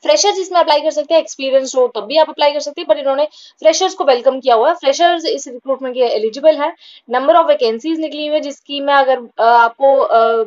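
A woman's voice: high voice, a little mellow, lo-fi sound. A woman hosting a job-update channel, giving an informal voice-over explainer with frequent fillers and repeated points.

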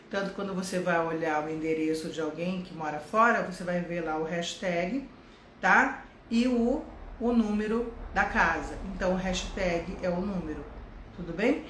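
A middle-aged woman from Brazil teaching a casual live English lesson, chatting with viewers and slowing down to stress English phrases. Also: on the low side, reverberant, a little hiss or hum. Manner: chatty, greets viewers in the chat by name.

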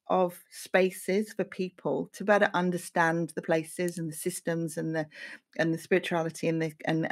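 A woman with a slightly low voice hosts a conversational podcast. She builds her thoughts hesitantly, repeating words as she circles toward the point. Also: vocal fry. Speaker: podcast interviewer, landscape architect.

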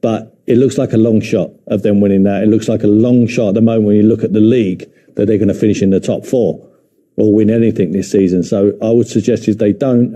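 A middle-aged man weighs up his views as a studio pundit, qualifying each claim. His voice sits low and sounds dark and mellow. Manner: measured, hedging opinions. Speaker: football pundit.

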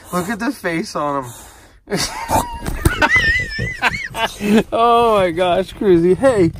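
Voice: medium pitch, background noise. A vlogger talking casually to their dog on camera in a playful, amused, coaxing way. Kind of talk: casual talk to a pet on camera. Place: converted van.

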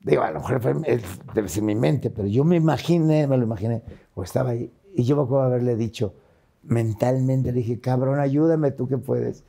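A man's voice: medium pitch, brisk, gravelly, mellow. An older man with a Mexican accent, a guest in a casual interview, retelling a hard time in an earnest, emotional way.

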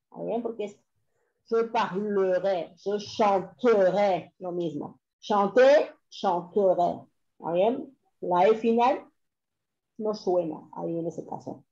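A woman teaching a language class over a video call, patient and explanatory, pausing often to check that everyone follows. Her voice is mellow and low-key. The audio is dull and lo-fi, like a compressed online class. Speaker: French teacher.

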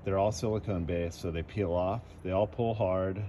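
A man doing dent repair outdoors, explaining his work in a relaxed, casual way as he films on a phone. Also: deep voice, moderate pace, highs cut off, slight background noise. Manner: relaxed, explanatory, talks between tasks. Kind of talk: casual how-to narration while working. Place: outdoors in a parking lot beside a car.

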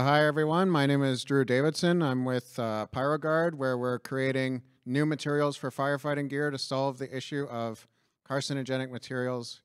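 A startup founder, a man, giving a confident and composed audience pitch on a handheld mic. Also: clean tone, no echo, studio quality.

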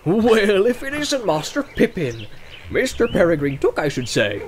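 A man voicing a gruff, hearty hobbit farmer in a storybook reading, with a growl and rustic, folksy talk. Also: fairly high pitch, sing-song, moderate pace, slight background noise. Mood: wary, then hearty. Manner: rustic, folksy turns of phrase. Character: gruff, hearty, thick-set hobbit farmer, suspicious but welcoming.

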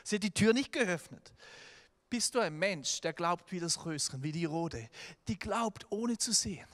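Speaking at a moderate pace with a high voice, a pastor preaches in church. Stories come out animated, with quotes acted out and frequent restarts and filler sounds.

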